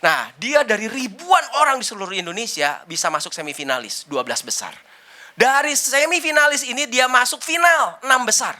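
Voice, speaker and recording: A woman's voice: a little high, big pitch swings, a little fast, sharp tone. A woman preaching a sermon and telling a personal testimony, acting out the people in her story. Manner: addresses listeners as brothers and sisters.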